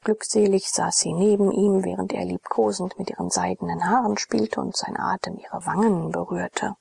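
A woman narrates a classic story in a soft half-whisper. Her voice is gravelly and husky, with plenty of fry. The recording is close and dry, with no room sound. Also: mid-range voice, fairly even intonation, normal speed, dry recording. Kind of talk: whispered audiobook reading.

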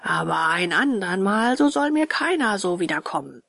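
A bearded male puppet-theatre director barks out his words in a rough, gravelly voice, as a woman reading a storybook puts him on. He sounds stern and harsh, with a soft heart underneath. The recording is close and dry. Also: mid-range voice, very animated, normal speed, no room sound, full character voice. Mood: gruff. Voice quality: rough, barking voice.

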